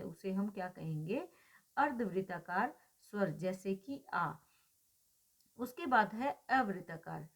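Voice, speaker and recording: A woman giving a lecture, who asks rhetorical questions and answers them herself and draws out vowel sounds as examples. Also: medium pitch. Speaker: teacher. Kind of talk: explanatory lecture.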